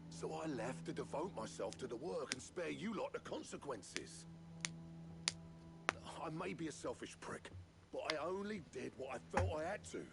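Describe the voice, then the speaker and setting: An actor playing a blunt, stubborn male master blacksmith with a gravelly voice. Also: a little high, big pitch swings, moderate pace, heavy background noise. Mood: gruff.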